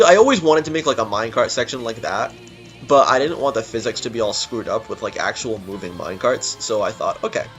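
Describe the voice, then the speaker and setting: Over game music, a man offers loose, unscripted commentary on a level of his own design. His voice sits in the mid-range and is a bit bright, though the audio is dull.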